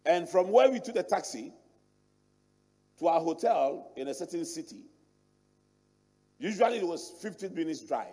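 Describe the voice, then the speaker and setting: A middle-aged man with an African accent, preaching a sermon as a bishop in animated storytelling fashion. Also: a little high, moderate pace, long pauses, slightly rough. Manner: animated storytelling preacher, repeats and restarts words. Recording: long reverb of a large hall.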